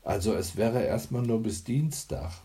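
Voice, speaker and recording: A man's voice: lowish voice, lively intonation, normal speed, dark tone, natural voice. A man voicing an anxious neighbour woman of about fifty who pleads for help in an audiobook. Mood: pleading. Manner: pleading, grateful.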